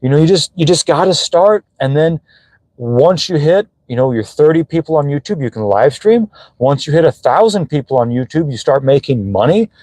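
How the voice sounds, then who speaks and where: Young male vlogger, slightly high voice, dry close phone sound, earnest and emotional motivational talk. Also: expressive, normal speed, a little mellow, dry recording, rough recording. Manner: earnest, emotional, swearing casually. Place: gym.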